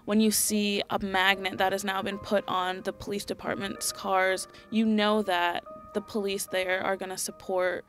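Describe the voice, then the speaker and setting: A woman's voice: mid-range voice, little pitch movement, normal speed, hardly any pauses, fairly bright tone, soft background music. A woman speaking in an earnest, explanatory way in a documentary interview.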